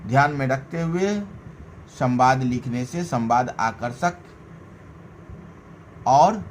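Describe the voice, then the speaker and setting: A male teacher giving a lesson in a slow, deliberate way, pausing between phrases and stressing key words. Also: mid-range voice, a little hiss or hum. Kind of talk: classroom lesson.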